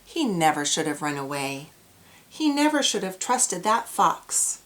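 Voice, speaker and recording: A gentle, lonely old husband from a storybook, read by a woman in her own light voice. He speaks with plain, homely feeling. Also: fairly low pitch, big pitch swings, a little slow. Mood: regretful.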